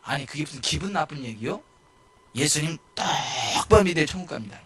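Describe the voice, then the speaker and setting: Guy pastor preaching in church, kinda high husky voice, acts out the people he talks about. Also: fairly quick. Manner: animated, shouting at peaks, mimicking people. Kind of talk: sermon.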